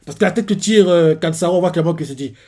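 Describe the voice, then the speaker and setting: A man's voice: on the high side, quick pace, warm tone. A man hosting a manga reaction, recapping a chapter in a rambling, casual way with many fillers.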